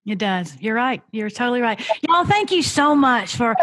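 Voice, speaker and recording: A podcast host interviews a guest, speaking emotionally and warmly, repeating herself when moved, then wraps up by addressing her listeners directly. Her voice is a little high with big pitch swings at a moderate pace. There's no room sound.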